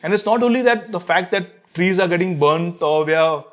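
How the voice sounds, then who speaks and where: A man's voice: high voice, moderate pace, a bit bright. A man with an Indian English accent, a priest and school principal, chatting as an interview guest in a joking, self-deprecating way. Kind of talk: casual interview chat.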